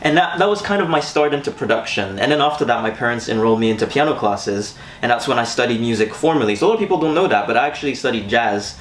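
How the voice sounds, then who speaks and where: A young man from Switzerland, a musician and producer, talks through his story as a guest in a relaxed, reflective way. He sits back from the microphone in a music studio, so the room echo comes through. There is faint background noise. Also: medium pitch, fast talker, hardly any pauses, far from the mic. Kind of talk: casual interview. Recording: roomy, off-mic with faint noise.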